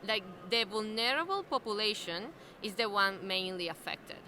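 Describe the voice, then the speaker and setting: A woman's voice: mid-range voice, lively intonation, normal speed, pushed and bright, slight background noise. A woman from Venezuela with a Venezuelan Spanish accent, explaining her views earnestly with frequent "eh" fillers in a casual interview at a convention. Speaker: interviewee, alliance member. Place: busy convention venue.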